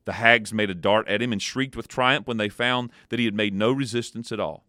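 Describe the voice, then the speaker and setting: A man hosting a devotional program, reading a story aloud in a measured, expressive way and then adding a short spiritual reflection. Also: on the low side, no echo, clean studio sound. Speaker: devotional podcast host.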